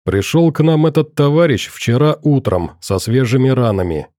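A man's voice: medium pitch, lively intonation, dark tone, dry recording, clean studio sound, lightly acted. A man voicing a coldly polite middle-aged interrogator in an audiobook, courteous and probing. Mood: addressing crowd. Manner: pointedly courteous, probing, deliberate.

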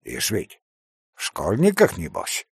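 A man voicing a plain-spoken older male peasant who speaks slowly and sententiously. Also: deep voice, huge pitch swings, gravelly, breathy edge, no room sound, studio quality, pitched below the performer's own voice, exaggerated voice. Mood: gruff calm. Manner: slow and sententious.

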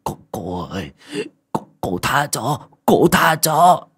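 A man voicing a lecherous, cowardly village shaman in a spoken horror story, with a slow, sneering drawl. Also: sits low, lively intonation, a bit bright, pitched below the performer's own voice, heavily acted. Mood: pleading. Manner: sneering drawl, later whimpering.

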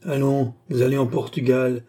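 A man's voice: medium pitch, little pitch movement, moderate pace, warm tone, slightly rough, natural voice. A man voicing a proud impostor ambassador who is dignified but easily alarmed. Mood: agitated. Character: proud, nervous male impostor posing as an ambassador.

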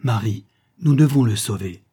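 A man voicing an excitable male innkeeper, a former soldier, who urgently shouts warnings in a husky voice. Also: on the low side, moderate pace. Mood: indignant.

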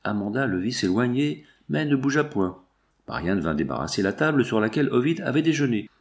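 A man reading a novel aloud as the narrator, in measured, even scripted narration. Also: mid-range voice. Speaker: audiobook narrator.

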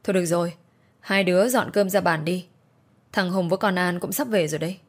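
Woman voicing a calm older peacemaker. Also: fairly low pitch, fairly quick, natural voice. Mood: soothing.

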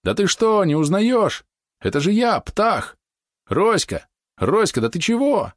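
Man doing a boisterous young warrior, shouting gleefully. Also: sits high, very animated, measured pace, dry recording, clean studio sound, voice pushed up. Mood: joyful shouting. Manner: shouting cheerfully from afar. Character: boisterous young male warrior hailing a friend.

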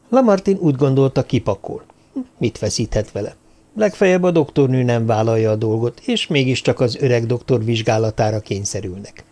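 A man's voice: mid-range voice, dark tone. Man narrating a mystery audiobook.

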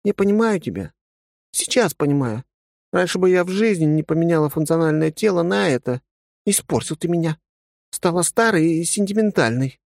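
A brusque ancient warrior woman, now somebody's wife, talks in a high, bright, teasing voice, as a male reader puts her on. She sounds clipped and matter-of-fact, close and dry, with no room around her. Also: animated, moderate pace, creaky, no room sound. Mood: gentle. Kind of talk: audiobook character voice.

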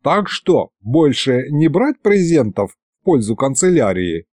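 A man's voice: medium pitch, big pitch swings, unhurried, a little mellow, no room sound. A man voicing a touchy male demon who runs the city police and talks in thuggish street slang. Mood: sulky.

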